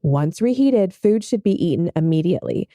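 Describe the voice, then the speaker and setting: A woman explaining food safety in a casual podcast chat, clear and agreeable. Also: fairly low pitch, expressive, moderate pace, warm tone, no room sound, clean studio sound. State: married.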